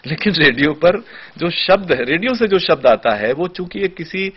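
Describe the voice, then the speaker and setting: A man's voice: on the high side, lively intonation, husky. Teacherly man in a dull lo-fi studio. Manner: teacherly, gives spoken examples with deliberate pauses. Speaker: radio expert guest. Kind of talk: explanatory studio discussion. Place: television studio. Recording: dull lo-fi broadcast audio.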